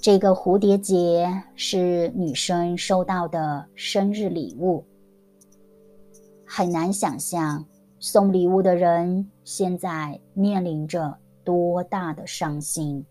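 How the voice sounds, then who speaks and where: A woman teacher narrating a scripted story for language learners, enunciating every word very carefully and deliberately. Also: lowish voice, fairly even intonation, dark tone, faint music behind. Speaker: Mandarin teacher.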